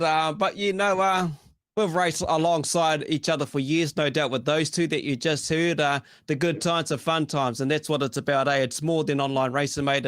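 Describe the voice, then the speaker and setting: A man with a broad Kiwi accent co-hosts a casual live stream. His voice sits a little high and sounds dry and close. He talks in a blokey, slangy, matey way. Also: fairly bright tone, dry recording. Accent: broad New Zealand. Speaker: co-host of a speedway sim racing show.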